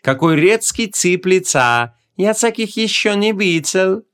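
A sugary-voiced dainty sorcerer. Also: male voice, high voice, lively intonation, fairly bright tone, clear, resonant tone, pitched above the performer's own voice. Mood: sugary, smug. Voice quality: sugary sweet voice. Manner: playful, smug, drawn-out. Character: small, dainty male sorcerer, sugary and self-assured seducer.

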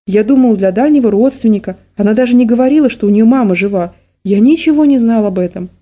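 A guilty young man from an audiobook who defends himself and whines, read by a woman in her own voice. The tone stays mellow and dark throughout. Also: fairly high pitch, quick pace, natural voice. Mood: defensive. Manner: defensive, whining.

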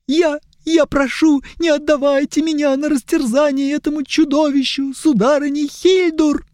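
A man voicing a highborn young male elf prisoner who pleads plaintively, close to tears. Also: little pitch movement, normal speed, a little mellow, no room sound. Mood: pleading. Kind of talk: audiobook character voice.

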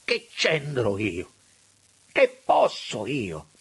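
A man voicing a weary old minister, low and husky. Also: lively intonation, measured pace, full character voice. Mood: angry. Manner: low, heavy, muttering delivery. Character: old male government minister, weary and bitter. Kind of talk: audiobook character voice.

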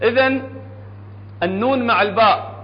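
A man's voice: very high-pitched, a little slow. A man with an Iraqi accent teaching a Quran recitation lesson to an audience in a hall, often quizzing them with questions. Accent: Iraqi Arabic. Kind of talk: classroom tajweed lesson. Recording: dull, echoey hall recording with faint hum.

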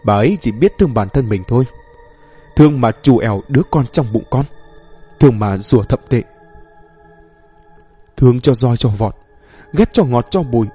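Man reading as a vengeful ghost girl, bitter and accusing, dark husky tone, storybook horror. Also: mid-range voice, animated, moderate pace, long pauses, faint music behind. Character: vengeful young female ghost, bitter and cold.

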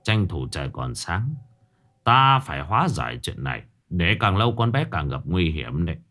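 A man voicing a stern middle-aged stepfather who knows about spirits, speaking gravely and quietly. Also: big pitch swings, normal speed, heavily acted. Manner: grave, low and hushed.

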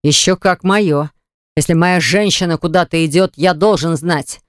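A reader voicing a jealous, hot-tempered man who growls and hisses his words, lower than the narration, in an audiobook. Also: moderate pace, clean tone, no room sound, natural voice. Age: adult. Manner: growling, hissing through teeth. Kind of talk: audiobook acting.

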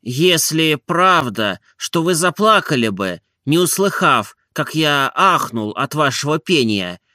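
A man reading an audiobook, voicing a timid, lovesick gentleman who talks slowly, softly and pleadingly. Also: fairly high pitch, sing-song, no echo, clean studio sound, heavily acted. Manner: slow, soft and pleading.

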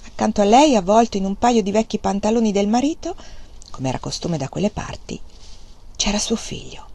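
A woman reads a novel aloud in a measured, expressive way. Her voice sits at an ordinary middle pitch for a woman. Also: no room sound. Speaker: reader of a novel. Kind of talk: audiobook narration.

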